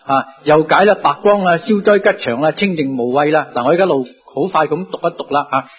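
A man with a Cantonese accent giving a Buddhist sermon, telling it lively with many drawn-out sentence endings. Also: a little high, slightly rough. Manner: lively storytelling with many sentence-final particles. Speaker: Buddhist teacher.

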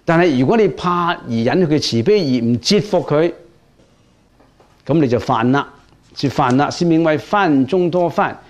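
A man teaching Buddhist precepts in a dharma lecture, speaking emphatically and often repeating words as he restarts. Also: on the high side.

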